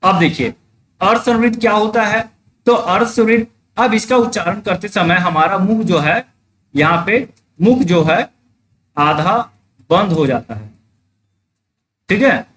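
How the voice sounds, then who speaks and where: A man with a fairly high voice teaches a live online exam-prep class. He explains each point step by step, repeats it, and checks that his students are following. A faint background hiss runs under his voice. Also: lively intonation, a little slow, long pauses, a bit bright.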